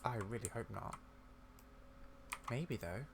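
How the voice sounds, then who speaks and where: Speaking slowly in a gravelly, mid-range voice, a gaming video creator offers casual let's play commentary. He rambles and thinks aloud in a muddled way, occasionally reading out quest dialogue, over faint background noise and the clack of a keyboard.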